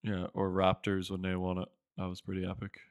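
An Irish man hosts a casual sports conversation in a low, very smooth voice. His pitch moves little, and his accent is plainly Irish. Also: monotone, fairly quick, dry recording. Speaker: podcast host.

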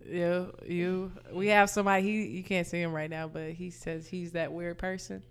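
Smooth-voiced chatty woman host. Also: lowish voice, level tone. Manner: chatty, quick to laugh along. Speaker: podcast co-host. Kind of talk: casual interview chat.

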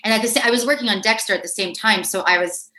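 A middle-aged woman from Pittsburgh talking casually as an interview guest. Her voice is bright and clear, and she tells her stories with lots of laughter, slipping into quoted voices. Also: mid-range voice, fast. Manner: chatty, laughs often, acts out quoted voices. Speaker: actress guest.

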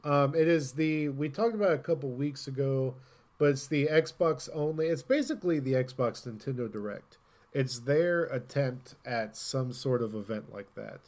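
A podcast co-host chats casually and ramblingly about gaming news. His voice is mid-range and somewhat dark, at a normal speed.

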